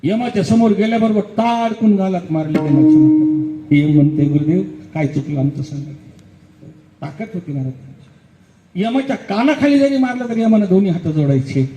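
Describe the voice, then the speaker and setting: A male kirtan preacher tells a devotional story with dramatic flair. His voice sits high yet warm and mellow, and he keeps quizzing the crowd and answering himself. The sound rings in a roomy, echoing space. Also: expressive, brisk, slight background noise.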